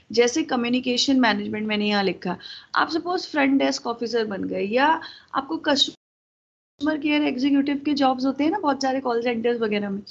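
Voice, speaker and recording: A woman's voice: fairly high pitch, husky. Woman teacher, chatty lecture style, airy voice, dull lo-fi sound. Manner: conversational, mixes English terms and asides to viewers. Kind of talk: explanatory lecture.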